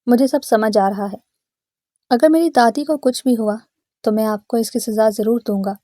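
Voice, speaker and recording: A woman voicing a stern, protective young man who is quick to anger, speaking firmly. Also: fairly high pitch, dark tone, no room sound, studio quality, close to an everyday voice. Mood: stern, angry. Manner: firm, threatening delivery.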